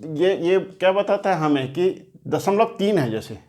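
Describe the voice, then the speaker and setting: A man's voice: high-pitched, expressive, a little slow, darkish tone. A man teaching children maths, explaining patiently step by step and often repeating himself while writing on a board. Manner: repeats and rephrases key points. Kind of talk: classroom lesson for children. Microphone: talking while writing on a board.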